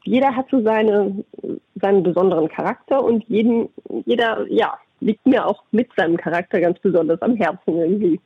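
Husky middle-aged woman on a phone-like line. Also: medium pitch, moderate pace, no room sound. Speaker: interviewee, doctor and puppeteer. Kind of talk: conversational interview answers with anecdotes. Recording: thin phone-like radio sound.

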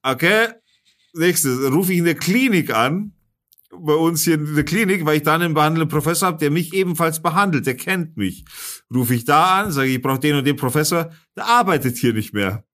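A man's voice: fairly high pitch, expressive, a little fast, fairly bright tone. A man, a podcast host telling a story in casual, slangy chat and swearing freely.

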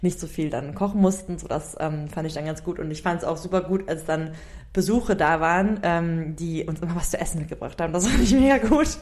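A woman's voice: low voice, fairly even intonation, a little fast, a little mellow. A young woman co-hosting a podcast, chatting casually about early motherhood with lots of fillers and tag questions. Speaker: podcast co-host. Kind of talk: casual chat.

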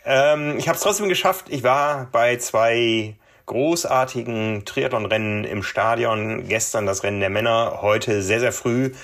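A chatty male podcast host talks from a hotel room late at night. He is tired after a long day and keeps a loose, laughing, self-mocking tone. His voice sits at an ordinary middle pitch. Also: a little slow, few pauses, fairly bright tone. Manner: chatty, laughs often, self-deprecating asides. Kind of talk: casual podcast chat.

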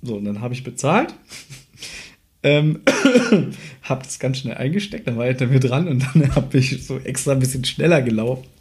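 A man's voice: mid-range voice, moderate pace, darkish tone. A man co-hosting a casual chat, telling a story and defending himself in an argumentative way. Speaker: podcast co-host.

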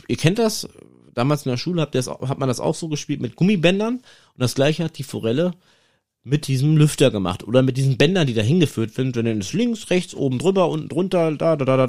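Lively man telling a fishing story. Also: medium pitch. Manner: lively anecdotal retelling, acts out dialogue. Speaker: fishing podcast host. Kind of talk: casual storytelling to listeners.

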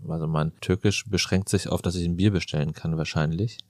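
A man's voice: sits low, fairly even intonation, a little fast, a little mellow, no echo, clean studio sound. A man hosting a casual podcast interview, chatty and joking, telling anecdotes with gusto. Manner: jokey, chatty storyteller. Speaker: podcast host and plastic surgeon.

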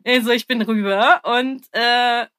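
A woman's voice: fairly high pitch, steady tone, measured pace, a bit bright, dry recording. A woman, a mother, telling a story about her child in a hesitant way, with many fillers and frequent laughs. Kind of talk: casual storytelling.

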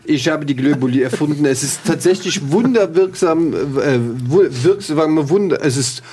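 A man's voice: fairly high pitch, lively intonation, normal speed, dark tone, slightly rough. Man playing a pompous charlatan inventor. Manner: pompous, rambling. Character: boastful male charlatan inventor posing as French.

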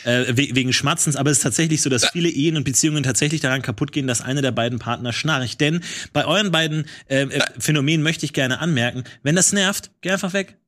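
A man's voice: on the high side, fast talker, fairly bright tone. A man with a slightly raised voice argues his case in a mock-earnest way. He stumbles through fillers, then presses his point with mounting insistence. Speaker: panel player. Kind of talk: comedic casual chat.

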